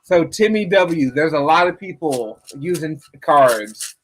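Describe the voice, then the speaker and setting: A man's voice: a little high, expressive, unhurried, slight background noise, rough recording. Rambling man reading on a live stream. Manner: casual, rambling, talks to chat viewers by name. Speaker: online rune reader.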